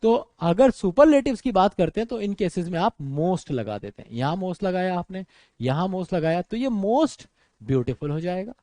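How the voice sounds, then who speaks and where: A man's voice: sits high, moderate pace, no echo. A young man with an Indian English accent teaching an exam-prep grammar lesson, calling his students friends and brother and mixing English words into his explanations. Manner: animated, addresses students as friends and brother, mixes English into speech.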